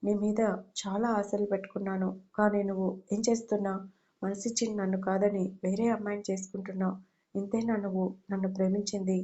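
A woman's voice: medium pitch, flat delivery, brisk, warm tone, highs cut off, close to an everyday voice. A woman reading the part of a heartbroken young woman who reproaches her lover in an emotional way. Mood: tearful.

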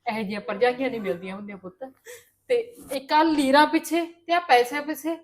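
Family drama mother played by a woman, Punjabi accent, high voice, earnest lecturing tone. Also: fast talker, lightly acted. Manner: earnest, gently lecturing, calls her daughter "son". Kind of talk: scripted family drama acting.

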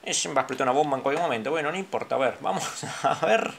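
A gamer with a Rioplatense Spanish accent giving chatty let's-play commentary into a headset mic, dropping to low mutters between startled outbursts. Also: expressive, fast talker, creaky.

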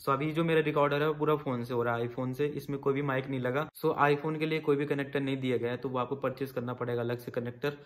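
A man in his 20s records an informal product review and tutorial from his bedroom as a vlogger, addressing viewers as "guys" and "bhai" like friends. His voice is mid-range and level, and he talks quickly with hardly any pauses.

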